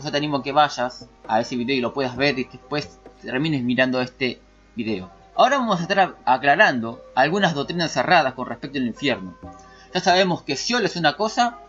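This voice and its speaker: A man teaching a Bible study. He explains patiently, repeats key points and slows down on the important words. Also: medium pitch, a bit bright. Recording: dull muffled audio with faint background music.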